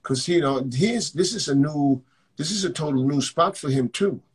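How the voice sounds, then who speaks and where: A coach with a husky voice on the high side hosts a live video chat from a hotel room, speaking at normal speed. Chatting casually with callers, he is blunt and jokey and often repeats words.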